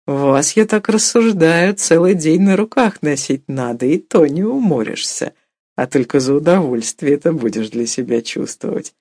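A woman voicing a bold, handsome young male worker who flatters slowly and sweetly. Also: sits low, breathy edge, no room sound, studio quality, full character voice. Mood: flattering.

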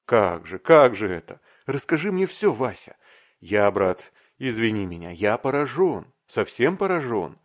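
A man doing an excitable young clerk. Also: fairly low pitch, unhurried. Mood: excited exclaiming. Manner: exclaiming, emotional, pleading. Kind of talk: audiobook reading.

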